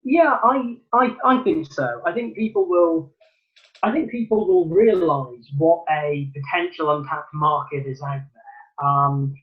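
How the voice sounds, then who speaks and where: A man from Newcastle, England, working as a theatre producer, gives thoughtful, earnest answers in a remote interview. His fairly high voice is unhurried, with many ums and restarts, and the sound is lo-fi.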